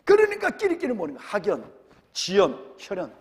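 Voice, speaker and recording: A senior pastor with a Gyeongsang accent, from that region of Korea, preaches a sermon in a church sanctuary and peppers the congregation with rhetorical questions. He speaks a little fast in a high voice with huge pitch swings, trailed by a long reverb.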